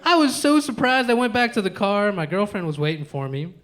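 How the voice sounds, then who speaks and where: A man's voice: high voice, a little fast, fairly bright tone. A man from the United States doing a live stand-up set in a comedy club, profane and talking straight to the crowd as folks.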